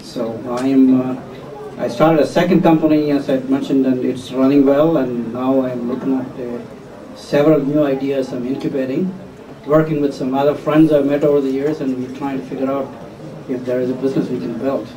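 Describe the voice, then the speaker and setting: A man from India introducing himself on a panel in a relaxed way, with many fillers and self-deprecating asides. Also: medium pitch, brisk, a little hiss or hum. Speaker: panelist entrepreneur. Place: conference hall before an audience. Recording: roomy hall mic from far off with audience.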